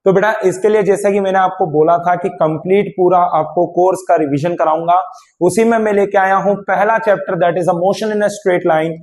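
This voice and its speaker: A high-voiced male physics teacher lecturing exam students at a smart board. He mixes Hindi and English and reads the question text out slowly. The room sounds echoey. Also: fairly even intonation, darkish tone. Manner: addresses students as beta, mixing Hindi and English. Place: classroom studio at a smart board.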